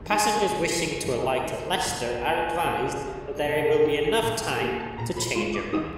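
A man making station announcements in a flat, formal tone, with the words spliced together like an automated public-address system. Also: on the high side, moderate pace, music in the background. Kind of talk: spoof railway station announcements. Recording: echoey station loudspeaker from far off.

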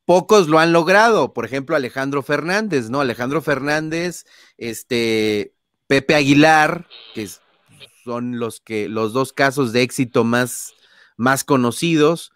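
Here the famous singer's son, a guest with a Mexican accent, talks in an unhurried, mid-range voice with a fairly bright tone. The studio sound is clean, with no room ambience. He casually spins anecdotes, voicing scenes with sound effects and sprinkling in tag questions and fillers.

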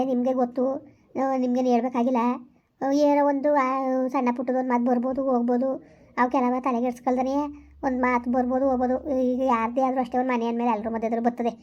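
A woman playing an elderly village woman with a rural Karnataka accent who sends off the bride in a comedy skit, giving fast, bossy advice and scolding. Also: high voice, darkish tone, natural voice. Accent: rural Karnataka Kannada. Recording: dull lo-fi recording.

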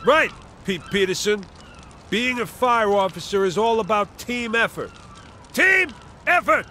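A bossy high-voiced fire chief. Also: male voice, moderate pace, sharp tone, a little hiss or hum. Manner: blustery, commanding. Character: bossy cake-loving male fire chief. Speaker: fire chief training a recruit.

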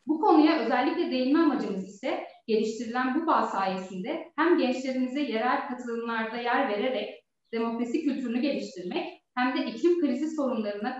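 Woman reading formally in very echoey room. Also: on the high side. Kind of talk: formal read presentation. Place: office meeting room, indoors. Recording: very echoey, muffled room video call.

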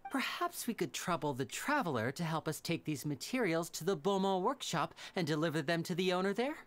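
A smooth young stage magician. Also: male voice, on the high side, very animated, brisk. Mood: teasing. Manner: gentle, playful and polished. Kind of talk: game voice acting.

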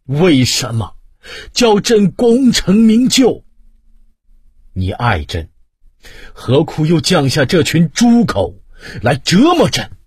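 A man reading an audiobook, voicing an aging emperor who cries out in anguished grief with loud, drawn-out words. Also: on the high side, wildly swooping pitch, slightly rough, dry recording, clean studio sound, pitched above the performer's own voice, heavily acted. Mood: anguished wailing. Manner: crying out loudly, pleading, drawn-out words.

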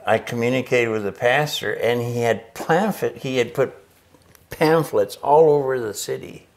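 An older man who grew up in Chile and became a missionary recounts his story at a moderate pace in a mid-range voice. In the casual interview he acts out his reactions, laughing as he goes. The recording is from a lapel mic in an indoor workshop with a pegboard wall.

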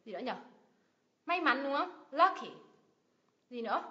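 A woman's voice: high voice, lively intonation, brisk, pushed and bright. A Vietnamese woman teaching English pronunciation on a livestream, drilling words with strong stress and asking viewers questions. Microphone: livestream mic. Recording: dull lo-fi livestream audio.

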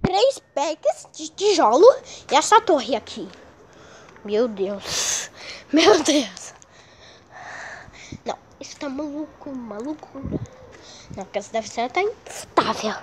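High-pitched, dramatic Brazilian woman vlogger. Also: very animated, slow, pauses often, slight background noise. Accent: Brazilian Portuguese. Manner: dramatic, exclaiming, repeats words. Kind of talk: casual home vlog. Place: at home, moving between rooms and garage.

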